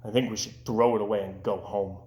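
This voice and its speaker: Man doing a low, grumpy storybook toad. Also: fairly even intonation, brisk, mellow, echoey room, natural voice. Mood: glum. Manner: grumbling, sulky. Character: grumpy, gloomy toad who puts off chores. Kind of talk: children's storybook read-aloud.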